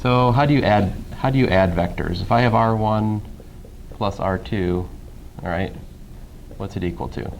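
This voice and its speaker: A man lectures a calculus class with a low, gravelly voice. He keeps it casual and dryly sarcastic, stopping to question his students. A faint hum of the classroom sits underneath. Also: normal speed, rough recording. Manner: casual, dry sarcastic humor, talks through steps with questions to students. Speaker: math professor.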